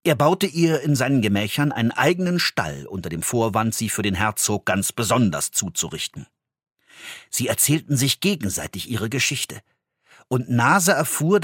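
A man reading a fairy tale aloud as the narrator, in an expressive storytelling manner. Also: mid-range voice, husky, no echo, clean studio sound.

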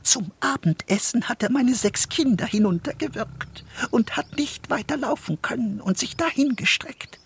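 A man voicing a mother goat in a fairy tale, in a high, slow, drawn-out falsetto. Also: lively intonation, creaky, fairly bright tone, slight background noise, heavily acted. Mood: urgent. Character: mother goat, also wolf faking her voice. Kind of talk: storybook narration.

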